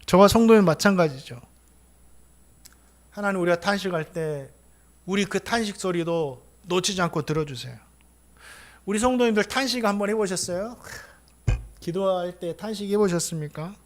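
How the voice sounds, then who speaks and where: A middle-aged man preaching a sermon as pastor, asking his congregation questions and swinging from hushed, quiet talk to loud, impassioned appeals. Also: sits high, normal speed, long pauses. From Korea.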